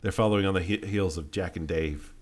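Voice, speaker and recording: A man's voice: low voice, a little fast, slight background noise. A man narrating as game master of a tabletop game, describing scenes with hesitant fillers.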